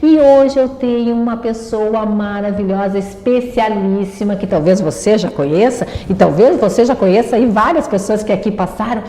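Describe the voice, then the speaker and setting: Woman, talk-show host, enthusiastic, mellow voice, echoey room with long reverb. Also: mid-range voice, moderate pace, hardly any pauses. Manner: enthusiastic, with emphatic short echoes of the guest.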